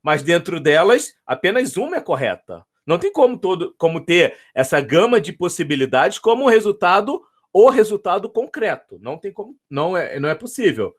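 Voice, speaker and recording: A man's voice: high voice, sing-song, moderate pace, few pauses. A man with a Brazilian accent, teaching a math lesson, patiently repeating his points and checking in with the students. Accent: Brazilian Portuguese.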